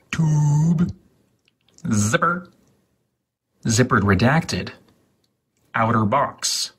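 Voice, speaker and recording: The host, a man with a husky, breathy voice of medium pitch and a slightly bright tone, reads instructions step by step. He keeps it deliberate and dramatic, with heavily exaggerated enunciation.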